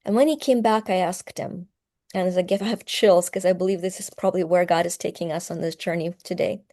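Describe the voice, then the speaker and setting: A woman in her fifties, originally from Ukraine, speaks as a podcast guest. Her voice is mellow and warm, and she tells family stories in an earnest, heartfelt way. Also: lowish voice, steady tone, fairly quick. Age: 50s. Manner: earnest and heartfelt, choking up at times. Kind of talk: emotional personal storytelling.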